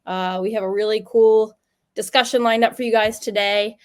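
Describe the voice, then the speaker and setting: A woman's voice: medium pitch, steady tone, normal speed. A woman hosting a business webinar over a video call, upbeat and chatty. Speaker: webinar host. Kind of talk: casual webinar chat.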